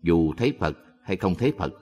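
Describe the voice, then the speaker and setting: A kindly old uncle of deep faith, read by a man with a very deep voice. He encourages gently, and the voice carries a long hall reverb. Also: expressive, brisk. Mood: encouraging. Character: kindly older uncle, devout lay Buddhist.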